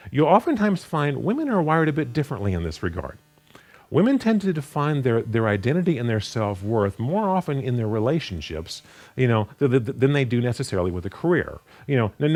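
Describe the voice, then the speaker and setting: Male Bible teacher, sermon delivery, lively pitch that climbs for emphasis, halting with many restarts. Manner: halting, with frequent repeated words and restarts; animated pitch, rising sharply for emphasis. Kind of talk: unscripted Bible study sermon.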